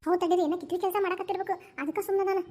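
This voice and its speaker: A woman's voice: extremely high pitch, steady tone, a little mellow. A woman voicing a fussy, doting grandmother and mother-in-law in a cartoon, speaking with a North Karnataka Kannada accent, chiding and coaxing in turn. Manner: chiding yet coaxing, fast. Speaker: cartoon voice actor. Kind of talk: cartoon voice acting.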